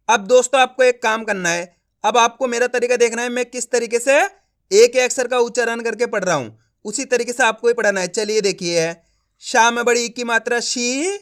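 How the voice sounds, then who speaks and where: In a spoken reading lesson, a man patiently sounds out syllables one by one, coaxing and often asking the viewer whether they understand. His voice is very high and a bit bright.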